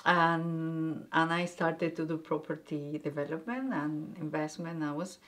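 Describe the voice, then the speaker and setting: A low-pitched, fairly evenly intoned voice belongs to a middle-aged woman from Argentina, a guesthouse owner appearing as an interview guest. A native Spanish speaker with an Argentinian accent, she responds haltingly, often stuck for words and leaning on fillers.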